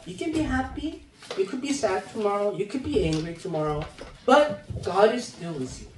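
An assistant pastor in his thirties preaches to young people in front of a chalkboard, holding a handheld microphone. His high, animated voice moves at normal speed as he acts out children's moods with playful voices. The room echoes, the mic sounds distant, and there is slight background noise.

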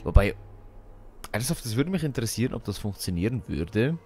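Casting: male gaming host, fairly deep, chatty and colloquial, thinking aloud over faint game sound. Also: sing-song, a little fast, a little mellow, slight background noise. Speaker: let's play host. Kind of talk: casual game commentary.

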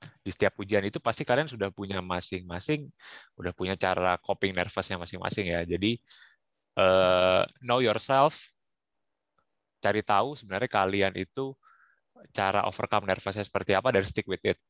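Young male speaker, deep voice, casual advice delivered with frequent fillers; dry, dull recording. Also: moderate pace, pauses often, fairly bright tone, dry recording. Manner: casual, with frequent fillers and English career terms. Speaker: guest speaker. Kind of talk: online career talk. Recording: muffled, dry, lo-fi.

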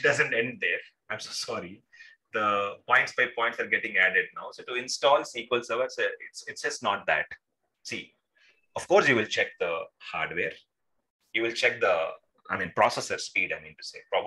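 Bright-voiced man, teaching. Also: on the low side, lively intonation, normal speed, poor audio. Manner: addresses learners as sir, checks with short tag questions. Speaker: instructor. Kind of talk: live online technical lesson, informal and interactive. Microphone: video call microphone.

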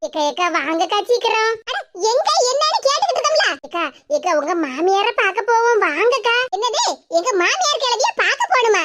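A woman voicing a greedy, scheming young village woman in an animated cartoon, wheedling and pleading with a Tirunelveli Tamil accent. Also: very high voice, brisk, hardly any pauses. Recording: noisy cartoon audio track.

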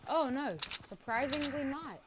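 A woman's voice: high-pitched, noisy background. A woman chatting casually over a video game with friends, playful and slangy. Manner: playful, slangy, quick cries of alarm. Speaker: gamer.

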